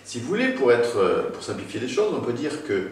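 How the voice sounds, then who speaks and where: A man's voice: mid-range voice, sing-song, vocal fry. Man teaching in a very echoey room. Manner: speaks with emphatic rises and pauses, addresses the listener directly. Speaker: spiritual teacher. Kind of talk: spoken talk on spirituality. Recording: very echoey room, mic at a distance.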